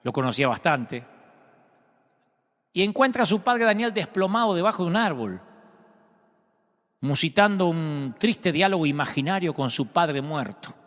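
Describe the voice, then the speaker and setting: A man preaching a sermon, telling a story dramatically and rising loudly at its peaks. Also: fairly high pitch, expressive, normal speed, long pauses. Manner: dramatic, swells loudly when quoting the son. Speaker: pastor. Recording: long hall reverb.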